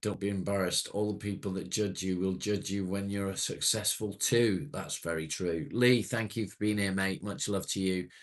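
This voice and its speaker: His voice sits low with a steady tone, keeping a moderate pace with few pauses. The speaker is a man in his late forties hosting a casual livestream, reading viewer comments, chatting matily and swearing occasionally.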